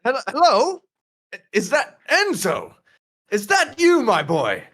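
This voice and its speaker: A man's voice: extremely high pitch, huge pitch swings, slow pace, fairly bright tone, pitched above the performer's own voice, heavily acted. A man voicing a jovial older grandfather in a tabletop game, hazy and effusively welcoming. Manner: effusive, doting.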